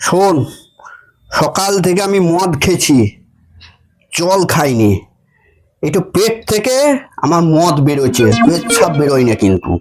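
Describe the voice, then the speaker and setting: A man's voice: a little high, lively intonation, a little slow, pauses often. A man playing a belligerent, boastful drunk husband who repeats himself in an amateur comedy sketch. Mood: belligerent, insistent.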